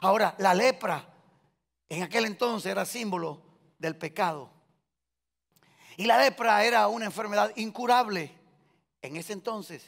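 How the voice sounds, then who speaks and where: A man preaching a sermon with a Colombian Spanish accent, calling on the congregation to answer and swinging between loud cries and quiet lines. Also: high voice, unhurried, vocal fry, pauses often. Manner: preaching with call-and-response to the congregation. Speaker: pastor. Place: large church hall. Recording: long hall reverb.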